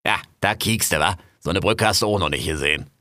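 A man voicing a brash, foul-mouthed male raccoon, loud and jumpy in an audio drama. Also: low voice, a little fast, no room sound, studio quality. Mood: chatty. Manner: loud, cursing, jumpy and excitable.

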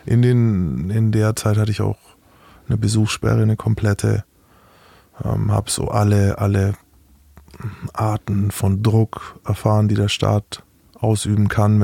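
A man's voice: fairly low pitch, flat delivery, normal speed, vocal fry, mellow, dry recording. A middle-aged man speaking as an interview guest, talking frankly and matter-of-factly in a casual interview.

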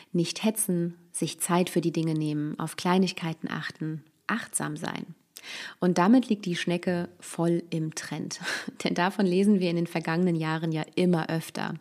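Woman, podcast host, reflective talk, conversational, lowish pitch. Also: a little mellow.

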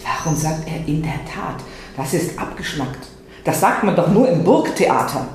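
A man giving an expressive reading of a literary inner monologue in dramatic, shifting tones, in an echoey room with faint noise. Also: fairly high pitch, normal speed. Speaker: reader.

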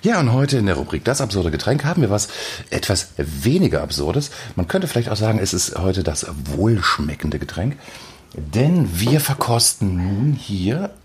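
Deep-voiced man, mock-solemn banter. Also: very animated, fairly quick, few pauses, breathy edge. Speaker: podcast co-host. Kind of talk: casual podcast banter. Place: at home on a sofa. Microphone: studio microphone up close.

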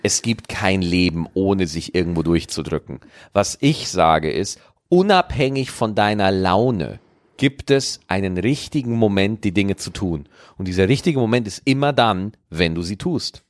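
A man's voice: deep voice, normal speed, dry recording. A man co-hosting a podcast in casual chat, emphatic and opinionated. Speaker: podcast co-host.

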